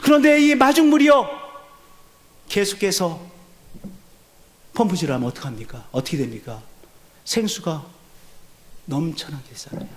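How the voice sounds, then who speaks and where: Older male pastor with a high, animated voice. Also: normal speed, long pauses. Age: 60s. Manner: swings from loud urgent peaks to low hushed endings; asks the congregation questions and answers them. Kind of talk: sermon.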